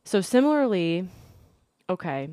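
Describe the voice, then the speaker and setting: A woman's voice: on the low side, very animated, measured pace, dark tone, smooth, no echo, clean studio sound. A young woman hosting a podcast solo, talking in a casual, informal, conversational way. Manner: informal, conversational, hedging with "like" and "you know". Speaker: podcast host and mental health therapist. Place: indoors, temporary room with little insulation.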